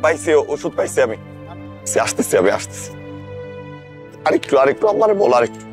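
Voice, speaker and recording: A man's voice: fairly high pitch, sing-song, moderate pace, a little mellow, soft background music. An actor playing a desperate young man who begs for medicine for his sick mother, repeating words in panic. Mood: pleading. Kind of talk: TV drama acting.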